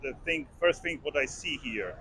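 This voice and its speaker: A man's voice: mid-range voice, moderate pace, bright, forceful tone, slight background noise, rough recording. A man with a Polish accent, giving brief, plain answers in simple English. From Poland. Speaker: interviewee. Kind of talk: casual street interview.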